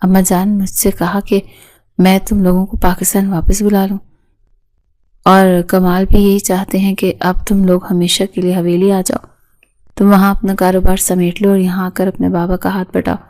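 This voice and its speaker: Woman reader as a gentle grandmother, soft and mellow. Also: medium pitch, level tone, close to an everyday voice. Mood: earnest. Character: warm middle-aged mother and grandmother.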